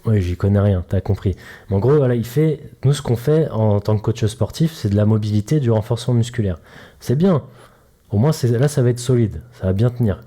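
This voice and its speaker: On his casual solo podcast, a mobility coach talks briskly with lively intonation in a mellow voice on the low side. He's chatty and full of jokes, and he explains things to the listener directly through homely analogies.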